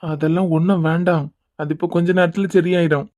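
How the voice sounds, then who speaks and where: Voicing a gentle stubborn young cartoon dad. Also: medium pitch, fairly even intonation, a little fast, dry recording, studio quality, close to an everyday voice. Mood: soothing, hurt. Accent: Kanyakumari Tamil. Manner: soothing, dismissive of his pain. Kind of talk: cartoon voice acting.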